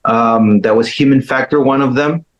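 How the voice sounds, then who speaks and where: A middle-aged Chilean guitarist, a guest in a casual interview, tells his story in an easygoing way, pausing and restarting as he goes. His voice is mid-range, and the recording quality is low.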